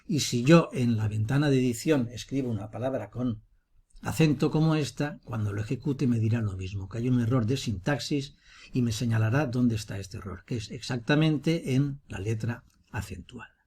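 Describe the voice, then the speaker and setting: A man with a husky, slightly breathy voice walks through a screen-recorded software lesson. He explains each step patiently and methodically, at a mid pitch. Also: normal speed. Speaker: teacher.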